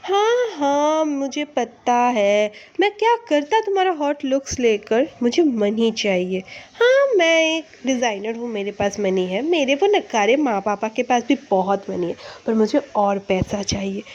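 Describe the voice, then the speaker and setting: A woman voicing a scheming young man, a manipulative ex-lover, in a taunting, shrill way. The recording is muffled and lo-fi. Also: sing-song, unhurried, hardly any pauses, a little mellow. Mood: boastful. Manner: taunting, then shrill and pleading.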